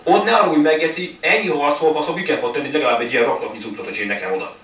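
A man's voice: on the high side, a bit bright, dull audio. A man giving live commentary on his own playthrough of a shooter game, swearing constantly and breaking into frustrated outbursts. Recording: echoey room, mic far off, faint noise.

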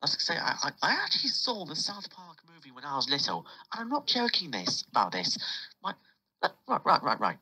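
A man's voice: fairly high pitch, big pitch swings, fast talker, pushed and bright, husky, low-quality recording. A British man in his late teens hosting a casual podcast chat, rambling and restarting as he tells stories. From United Kingdom. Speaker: podcast host.

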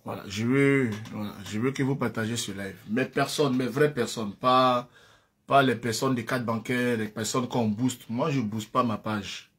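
A man's voice: fairly even intonation, measured pace, fairly bright tone, breathy edge. A man hosting a casual live stream, speaking directly to his viewers, often repeating himself. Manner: taunting, laughing, rising to shrill highs; repetitive, addresses viewers directly. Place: at home, seated. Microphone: phone or webcam.

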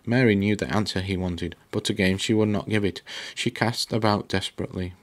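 A man narrating a novel aloud in a steady, dramatic reading with small slips. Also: fairly low pitch, a little fast. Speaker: book reader. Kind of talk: audiobook narration.

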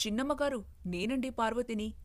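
A woman voicing a nervous household maid in a storybook tale, speaking in a hurried, anxious way. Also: a little high, darkish tone, close to an everyday voice. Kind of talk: storybook narration.

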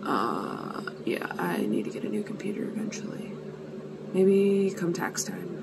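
Sleepy twenty-something woman vlogging, gravelly. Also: mid-range voice, big pitch swings, moderate pace, whispered. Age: 20s. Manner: candid, rambling and self-deprecating, with frequent swearing. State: sleepy and worn out. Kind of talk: casual vlog chat. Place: outdoors in the cold, then at home.

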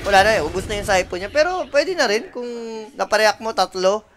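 Lalaking co-caster, matining at maliwanag ang boses, palakuwento sa analysis ng laro. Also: male voice, high-pitched, very animated, fairly quick, a bit bright, slight background noise. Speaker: color commentator. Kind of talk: casual esports analysis in Tagalog.

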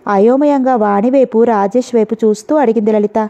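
A woman narrating a novel for an audiobook in a steady, even storytelling manner. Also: fairly high pitch, a little fast. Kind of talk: novel reading. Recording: dull lo-fi audio.

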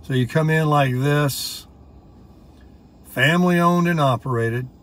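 An American man with a fairly bright voice pitched on the high side talks at a measured pace in a casual vlog. Explaining things in a loose, conversational ramble, he's filmed both in a car and outside in a parking lot, with clear background noise from each.

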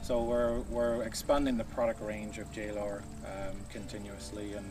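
Man explaining farm machinery outdoors, flat delivery. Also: fairly low pitch, measured pace, far from the mic. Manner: casual, many fillers, explanatory. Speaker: product specialist. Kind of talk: outdoor product demonstration. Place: outdoors at a farm equipment show.

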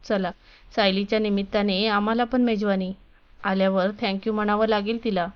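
A woman's voice: mid-range voice, flat delivery, normal speed, clean tone, natural voice. A woman voicing a fond older father who turns stern, in a story reading. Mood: affectionate. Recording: dull lo-fi recording.

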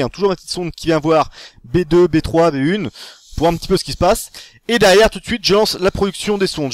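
A man giving a casual tutorial, commentating over his own game. He is chatty and excitable and corrects himself as he goes. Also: fairly high pitch, no room sound. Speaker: gaming tutorial host.

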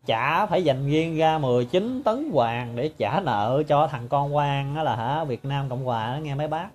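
A man's voice: a little high, darkish tone, slightly rough. A man giving a sarcastic, mocking monologue to his viewers. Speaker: political commentator.

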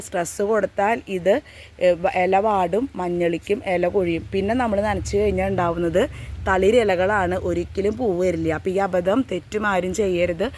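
A woman's voice: mid-range voice, fairly even intonation, a little fast, a little mellow, slight background noise. A woman vlogging in her home garden outdoors, giving casual how-to advice in an earnest way. She repeats her warnings and adds friendly tag questions.

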